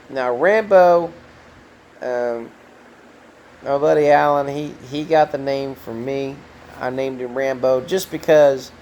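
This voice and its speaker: A middle-aged man, talking to camera in a casual, heartfelt way, soft-spoken and halting, with many pauses and restarts. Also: medium pitch, a little hiss or hum, low-quality recording. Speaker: trucker vlogger.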